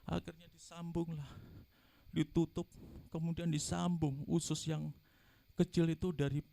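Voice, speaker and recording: A man's voice: on the high side, level tone, measured pace, gravelly, mellow. A middle-aged man giving an earnest spoken testimony at a church service, telling his story and acting out the dialogue he remembers.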